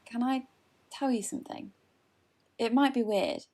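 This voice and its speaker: Shy teenage girl played by a young woman; breathy, hesitant, self-deprecating. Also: a little high, a little slow, a little mellow. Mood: tender. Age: young adult. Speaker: student actor. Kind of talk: stage drama dialogue.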